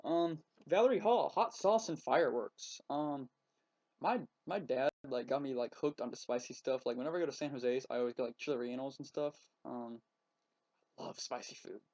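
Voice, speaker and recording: A teenage boy chats into his laptop webcam at home, his voice sitting at an ordinary middle pitch. He rambles and stalls, filling gaps with ums and likes. The lo-fi laptop audio sounds a little dull and muffled. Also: moderate pace, darkish tone. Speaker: vlogger. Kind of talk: casual webcam vlog. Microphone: laptop webcam mic.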